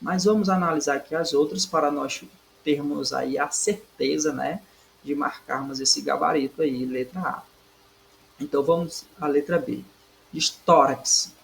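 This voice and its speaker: A man teaches Portuguese by working through exam questions in a didactic way, often checking in with "certo?" He stresses syllables by saying them louder. His voice is fairly high and creaky at normal speed, and the low-quality recording has slight background noise.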